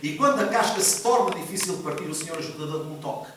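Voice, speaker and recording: A man preaches with emphatic repetition, asking the congregation questions as he goes. His voice sits high for a man. It rings out through a very echoey church hall, picked up from a distance by the mic. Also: expressive, fast talker, a bit bright, a little hiss or hum. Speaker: pastor. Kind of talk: sermon.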